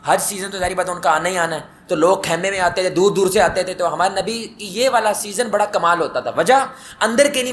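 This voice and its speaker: Preacher guy, fairly high voice, tells stories loud in a big echoey mosque hall, keeps asking the crowd stuff. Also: slight background noise. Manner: storytelling, asks the audience questions, rises to emphatic peaks. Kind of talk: mosque sermon.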